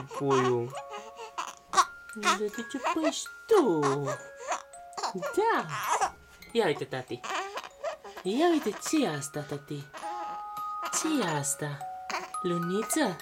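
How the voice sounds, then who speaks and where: A man from Romania talking baby talk to his infant in a singsong, coaxing way, with soft sighs. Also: on the high side.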